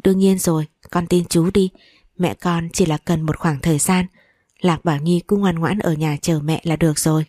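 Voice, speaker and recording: A smooth-talking, evasive young man from an audio story, as a woman reads him. He speaks politely and placatingly, in a low, warm, slightly husky tone. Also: steady tone, normal speed, dry recording, clean studio sound, natural voice. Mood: gentle.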